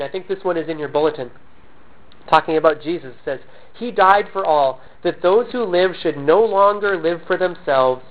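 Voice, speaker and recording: A man preaching a sermon as pastor, earnest and measured, asking questions and answering them himself. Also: high voice. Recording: tinny phone-like audio.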